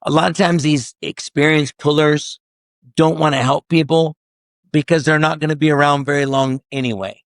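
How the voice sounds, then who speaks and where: Gravelly-voiced joking man. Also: on the high side, fairly even intonation, moderate pace, no echo, studio quality. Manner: joking, chimes in and finishes her sentences. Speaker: guest, harness business co-owner. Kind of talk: casual chat.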